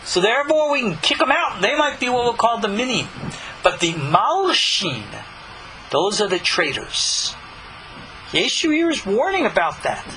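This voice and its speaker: This is a rough recording of a Bible study lesson led by a rabbi whose very high voice is very animated yet a little slow. He is earnest and explanatory, lifting his voice whenever he reaches a key point.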